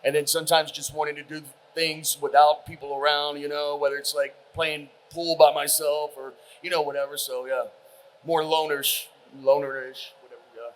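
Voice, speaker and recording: A man's voice: a little high, flat delivery, moderate pace, poor audio. A man on a convention panel answering in a laid-back, hesitant way.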